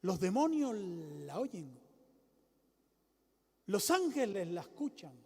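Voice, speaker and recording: A man preaching a sermon with emphatic, repetitive lines that rise to loud exclamations and drop low again. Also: sing-song, takes it slowly, gravelly, husky, long reverb tail.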